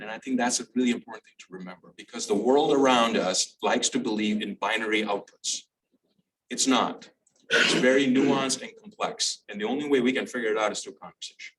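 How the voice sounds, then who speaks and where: A man's voice: mid-range voice, fairly bright tone. A man moderating a panel discussion, talking reflectively with repeats and restarts. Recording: distant mic with faint noise.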